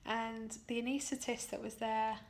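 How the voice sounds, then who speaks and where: A British woman, worn out after surgery, recounting her experience in a personal video diary in a halting, emotional way, leaning on key words. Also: on the high side, level tone, slight background noise.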